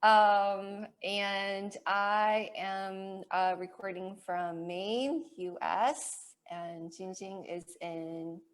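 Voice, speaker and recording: A woman in her forties hosting a casual podcast conversation, chatty and quick to laugh. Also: medium pitch, steady tone, low-quality recording. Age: 40s. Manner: chatty, laughs easily, uses lots of fillers. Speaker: podcast host. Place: home in Maine, US.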